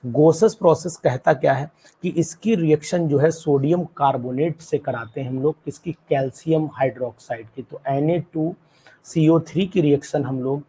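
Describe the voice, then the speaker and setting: A man's voice: mid-range voice, warm tone, breathy edge, low-quality recording. A male chemistry teacher giving a live online class. He quizzes students by name and repeats key terms, mixing in English words.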